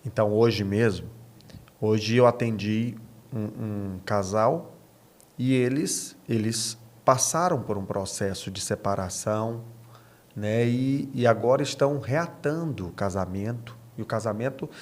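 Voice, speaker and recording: A Brazilian pastor appears as a podcast guest, earnest and emphatic, blending conversational preaching with anecdotes. His lowish, darkish voice is unhurried, and he drives points home with rhetorical questions and tag checks.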